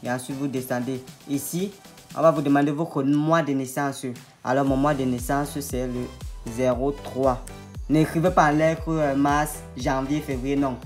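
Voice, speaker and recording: A man explaining a computer tutorial step by step over a screen recording. He talks patiently and repeats steps to make them clear. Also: medium pitch, steady tone, normal speed, soft background music. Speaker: online tutorial host.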